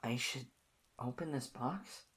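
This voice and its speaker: Speaking softly to the listener with anxious pleading, a woman voices a clingy, obsessive young lover in an audio roleplay. Her husky whisper is pitched extremely low, delivered at a measured pace in an exaggerated way.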